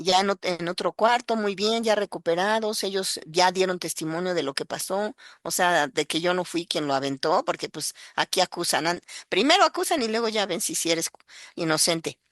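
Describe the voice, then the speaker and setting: Speaking at a medium pitch, a woman with a Mexican accent gives an emotional personal testimony, recorded clean in a studio with no echo. She is earnest, uses many fillers, and slips into acted quotes as she tells her story.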